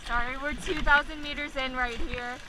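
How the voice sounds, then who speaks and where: A woman coxswain calling short, repeated commands to her crew from a rowing boat, urgent and commanding, with rhythmic drawn-out words. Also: high-pitched, steady tone. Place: outdoors in a rowing boat on the water. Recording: noisy outdoor boat recording, wind and water. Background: clear noise of water, wind and boat.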